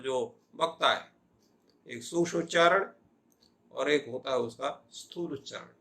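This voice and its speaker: A man's voice: mid-range voice, creaky, fairly bright tone. An older male professor lecturing on Sanskrit grammar, posing questions and answering them himself. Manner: explanatory, asks and answers his own questions.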